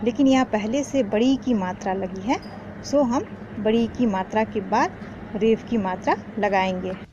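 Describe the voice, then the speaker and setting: A woman teaching parents a spelling lesson, speaking slowly and patiently and repeating each sound. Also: mid-range voice. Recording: dull lo-fi with faint noise.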